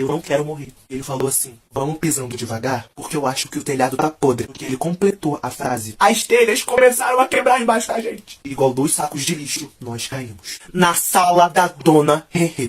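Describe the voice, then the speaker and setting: A young man telling comic stories from his life in a lively vlog style. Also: fairly high pitch, breathy edge. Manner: rapid, animated, dramatic pauses. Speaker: storyteller.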